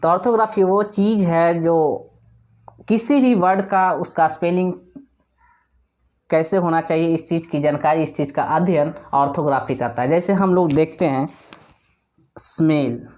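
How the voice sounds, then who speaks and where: A man teaching an English lesson, explaining spelling and pronunciation, asking and answering his own questions and repeating words slowly to drill them. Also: on the high side, a little mellow.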